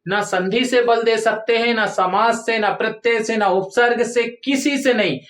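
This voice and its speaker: A male teacher explaining Hindi grammar in a slow, repetitive classroom style, stressing key words and asking his students rhetorical questions. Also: extremely high pitch, a bit bright, echoey room.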